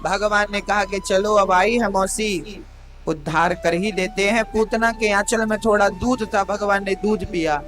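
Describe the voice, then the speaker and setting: High-voiced slow Hindi katha preacher. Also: male voice, fairly even intonation, music in the background. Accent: Hindi, North Indian. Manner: dramatic, voices characters in quotes, addresses listeners as mother. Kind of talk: devotional storytelling sermon.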